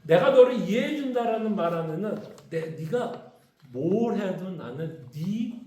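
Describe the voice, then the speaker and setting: Pastor leading Bible study, high and animated voice, roomy echo, keeps quizzing his listeners. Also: measured pace. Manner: conversational, asks the congregation questions. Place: church hall. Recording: echoey church room.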